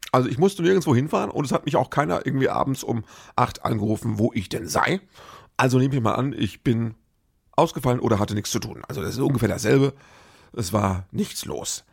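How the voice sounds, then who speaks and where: A comedian telling rambling, self-correcting anecdotes in a casual monologue. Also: male voice, medium pitch, brisk, vocal fry, husky.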